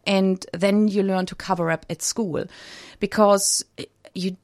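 A woman's voice: medium pitch, steady tone, takes it slowly, no room sound. A woman from Germany, a radio studio guest, telling her personal story hesitantly with many fillers and restarts. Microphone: studio microphone.

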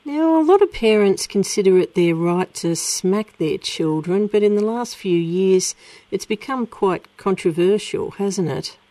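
A woman's voice: medium pitch, animated, measured pace, mellow, dry recording, poor audio. A woman presenting a prepared interview as a radio host.

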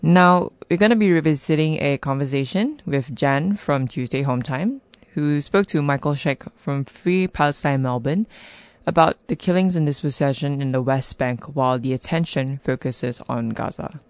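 A man from Malaysia presenting a radio show in a relaxed, chatty way between songs. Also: fairly high pitch, normal speed, smooth, no echo. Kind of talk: casual radio links.

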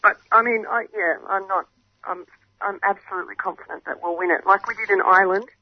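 A woman's voice: medium pitch, steady tone, husky, no echo. Woman campaigner calling in, phone held too far away, faint and muffled, dry dull line. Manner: confident, earnest, halting with fillers. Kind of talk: phone-in radio interview.

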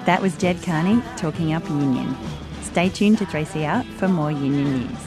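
A woman reading a station promo as an announcer, heard with the sound of an AM radio broadcast in a plain, measured manner. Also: sits low. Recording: distant voice over loud music.

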